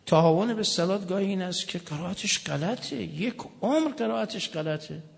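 A man's voice: high-pitched, gravelly, in a large hall. A male cleric preaching a sermon, telling stories with joking asides. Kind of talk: sermon with anecdotes.

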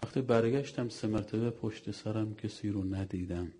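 A man's voice: on the low side, warm tone, slight background noise. A man preacher giving an emotional religious mourning sermon, telling a story and exhorting his listeners.

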